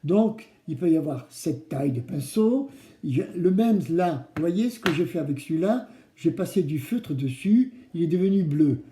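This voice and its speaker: Guy doing a kids show, coaxing the children along, very soft dark tone, echoey room. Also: fairly high pitch, animated, normal speed, a little hiss or hum. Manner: simple, coaxing explanations with questions to the children. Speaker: children's craft show host. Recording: roomy, echoing room.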